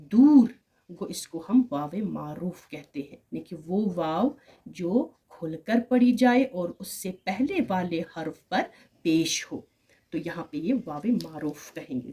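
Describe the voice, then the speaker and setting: A woman's voice: mid-range voice, a little mellow. A woman teaching an online grammar lesson, explaining step by step, repeating example words and checking "right?" as she goes.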